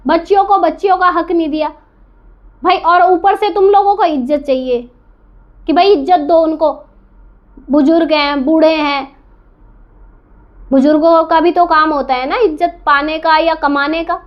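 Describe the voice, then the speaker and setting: A woman's voice: very high-pitched, fairly even intonation, normal speed, long pauses, highs cut off. A woman giving an indignant, scolding commentary to camera, firing rhetorical questions and repeating her points for emphasis. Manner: defiant, repeats herself for emphasis. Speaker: reaction vlogger.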